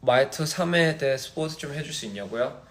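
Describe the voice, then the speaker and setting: A young man from Australia chatting casually on a phone livestream, soft-spoken and reflective, drifting between thoughts. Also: mid-range voice, expressive, rapid-fire. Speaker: musician livestream host.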